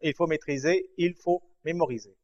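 A man teaching a writing lesson, slowly explaining each stroke, repeating himself and checking that his students follow. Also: on the high side, a little mellow. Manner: patient, repeats and checks understanding. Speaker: language teacher. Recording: dull lo-fi recording.

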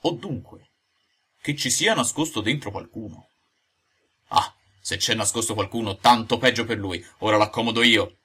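Man doing a shaky old carpenter in a storybook, trembly, stumbles on his words, low husky voice. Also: steady tone, a little fast, bright, forceful tone. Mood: frightened. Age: older. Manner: trembling and stammering. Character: old male carpenter, easily frightened. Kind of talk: audiobook character voice.

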